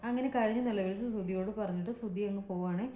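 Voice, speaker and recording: A woman vlogger recaps a serial episode at a rapid clip. Her delivery is chatty and loose, packed with fillers. The room around her is echoey. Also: medium pitch, dark tone, slight background noise. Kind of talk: casual episode retelling.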